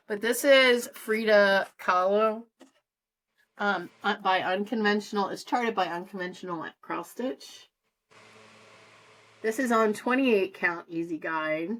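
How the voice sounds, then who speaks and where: A woman's voice: mid-range voice, a bit bright. A woman co-hosting a casual chat, talking enthusiastically and restarting her sentences. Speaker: co-host.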